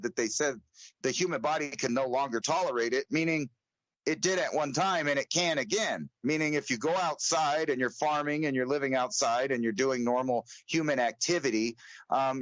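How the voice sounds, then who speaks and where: A man's voice: mid-range voice, no echo, dull audio. Emphatic male podcast co-host, dry sound. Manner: emphatic, rambling, scornful asides. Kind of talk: casual commentary.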